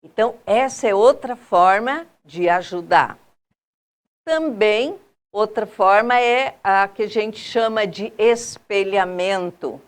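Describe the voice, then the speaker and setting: Uma mulher convidada de um programa de TV, respondendo a uma pergunta com explicações calmas e didáticas, enumerando dicas. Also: female voice, mid-range voice. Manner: slow, explanatory, lists tips with pauses. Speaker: guest expert on neuro-linguistic programming. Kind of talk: TV health show answer.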